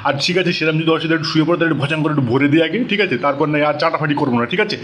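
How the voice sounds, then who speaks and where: A man's voice: a little high, racing, heavy background noise, close to an everyday voice. A man playing a brash, pushy middle-aged man in a comic audio drama, hot-tempered and full of threats. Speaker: the daughter-in-law's father, a co-in-law.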